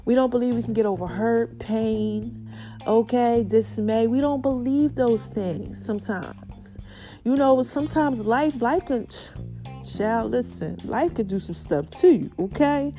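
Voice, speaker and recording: A woman podcast host giving a casual, excited motivational monologue, with a slight lisp and mouthful-sounding speech from stitches after mouth surgery. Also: fairly high pitch, a little slow, soft background music. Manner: excited, folksy, repeats phrases for emphasis.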